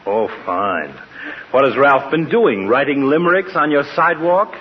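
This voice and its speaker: Man playing a lively, sardonic radio-comedy family doctor. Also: mid-range voice, normal speed, lightly acted. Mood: dry, teasing. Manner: sardonic, pompous bluster. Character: gruff, wisecracking, insult-trading male family doctor. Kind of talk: 1940s radio comedy acting. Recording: muffled, noisy 1940s radio recording.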